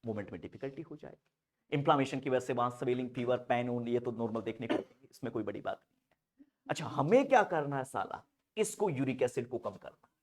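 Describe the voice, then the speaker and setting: Animated joking male pharmacology teacher. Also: mid-range voice, a little fast. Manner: joking, theatrical, acts out dialogues and shouts. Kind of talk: animated classroom lecture.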